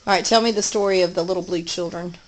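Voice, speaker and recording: A woman's voice: fairly low pitch, steady tone, fast, rough recording. A woman chatting casually with family, prompting and reassuring as she listens. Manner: encouraging, reassuring.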